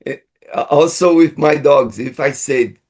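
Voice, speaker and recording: Guy teaching a webinar, slow and husky, keeps restarting his sentences. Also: medium pitch, animated, a little mellow. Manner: halting, with frequent restarts. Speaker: guest speaker and missionary. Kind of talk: webinar teaching through an interpreter.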